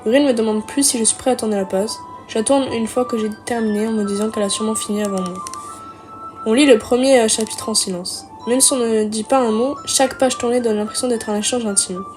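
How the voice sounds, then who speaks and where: A woman's voice: on the high side, fairly even intonation, fast talker. A woman streamer reading a visual novel aloud with casual, joking asides, with game music behind her. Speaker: let's play streamer. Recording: music playing underneath.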